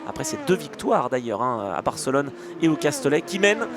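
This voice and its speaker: A man giving live motorsport race commentary in a hesitant, excitable way. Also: mid-range voice, brisk. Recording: clear engine and trackside noise behind.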